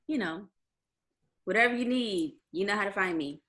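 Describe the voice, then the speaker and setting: A woman's voice: medium pitch, lively intonation, normal speed, fairly bright tone. A young adult woman, a musician guest on a video call, chatting casually with lots of fillers and restarts. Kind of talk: casual interview chat.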